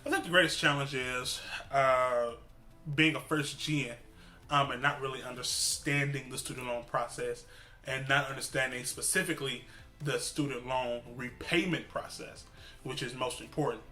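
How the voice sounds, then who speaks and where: A man in his twenties, a student advocate, speaking in an earnest, measured way in a testimonial interview. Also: medium pitch, fairly even intonation, pushed and bright, soft background music.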